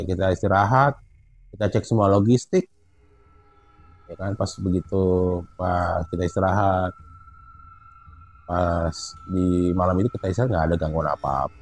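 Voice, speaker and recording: A man casually telling a true story from a mountain hike, growing animated and high as it gets tense. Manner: animated, rising pitch when excited, Jakarta slang. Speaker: storyteller guest.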